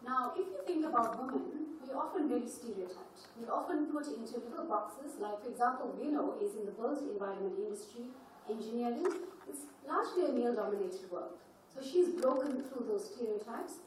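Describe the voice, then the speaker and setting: A woman from South Africa speaks plainly to a small group, keeping things simple and conversational. Her voice sits a bit high. She is heard from a distance in a very echoey room with faint noise. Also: expressive, brisk, hardly any pauses. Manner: conversational, explains in plain terms. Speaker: government official presenting at a forum. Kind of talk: panel talk presentation.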